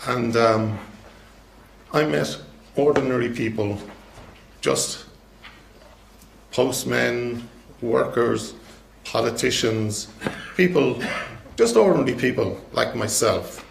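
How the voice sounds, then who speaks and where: A man in his fifties with a west of Ireland accent, giving halting, plain-spoken personal testimony to a meeting. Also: medium pitch, creaky. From Galway, west of Ireland. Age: 50s. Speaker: citizen member speaking at a public meeting. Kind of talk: unscripted personal testimony to an audience. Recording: echoey room with faint noise.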